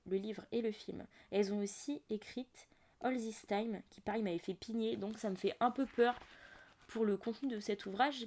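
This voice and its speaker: A young woman hosts a laid-back book podcast in a medium-pitched voice. She rambles warmly through asides and fillers. It sounds like a simple home podcast recording. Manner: chatty, many fillers and asides. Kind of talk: casual book chat. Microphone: audio-only podcast mic.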